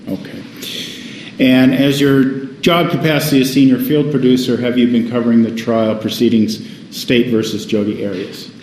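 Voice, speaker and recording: A man working as defense attorney, questioning a witness in a halting way with restarts, heard in a courtroom recording. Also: mid-range voice, little pitch movement, a little mellow. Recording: echoey courtroom recording, faint hiss.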